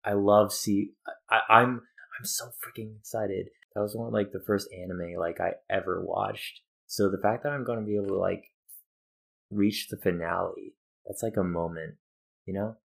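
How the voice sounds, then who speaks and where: Low, gravelly-voiced improv man, hesitant and rambling. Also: fairly even intonation, moderate pace. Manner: hesitant, rambling, full of fillers. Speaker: improv player. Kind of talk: improvised comedy role-play.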